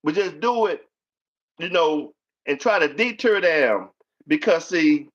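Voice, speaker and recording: A man's voice: fairly high pitch, expressive, takes it slowly, a bit bright. A man hosting a casual chat, telling stories in with a folksy manner and acting out quotes. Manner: storytelling, folksy, acts out quotes. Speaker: host. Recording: dull lo-fi audio.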